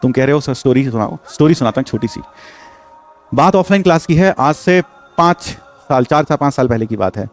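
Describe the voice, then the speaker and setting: A man's voice: a little high, lively intonation, fairly quick, faint music behind. A man, a teacher, telling his students a story in an earnest, moralizing way.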